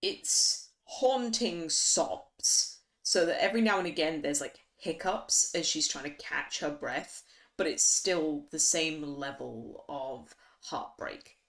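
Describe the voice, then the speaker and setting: A woman's voice: low voice, takes it slowly, a bit bright. A woman running a tabletop game as game master, describing scenes in a hesitant, descriptive way.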